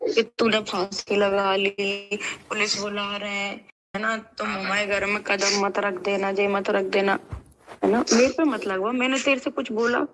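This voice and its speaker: A woman's voice: mid-range voice, little pitch movement, unhurried, fairly bright tone, a little hiss or hum. Woman, heated phone call, insistent and angry, keeps demanding agreement. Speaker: caller in a quarrel.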